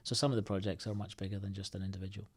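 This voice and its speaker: A man from the United Kingdom, a guest on an interview show, answering in a halting, thoughtful way with many restarts and fillers. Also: lowish voice, level tone, husky. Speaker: podcast guest, IT consultancy co-founder.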